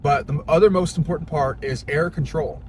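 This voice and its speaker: The speaker is a young man with a fairly high, slightly mellow voice and a moderate pace. As a hobby duck caller, he gives a casual tutorial in plain, informal words, the way a hobbyist teaches a skill. Background car and ambient noise is audible throughout.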